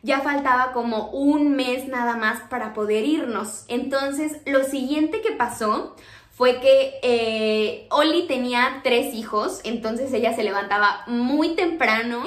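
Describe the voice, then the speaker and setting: Young Mexican woman, high voice, animated storyteller, roomy echo. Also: measured pace. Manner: animated, re-enacts dialogue, many fillers. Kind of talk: casual spooky storytelling.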